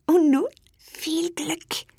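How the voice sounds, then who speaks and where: A woman's voice: very high-pitched, steady tone, drawn-out words, gravelly, no echo, pitched above the performer's own voice, exaggerated voice. A woman doing a whispering kind old toad. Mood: gentle. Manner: soft whispery voice. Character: kind old female toad, wise and gentle.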